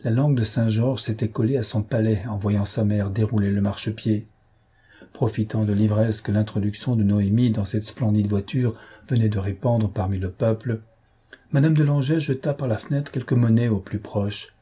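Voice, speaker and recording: A male audiobook narrator reads in a measured, dramatic style. His voice sits on the low side, dark and mellow. It has a strongly husky, raspy texture. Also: fairly even intonation. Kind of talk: scripted narration.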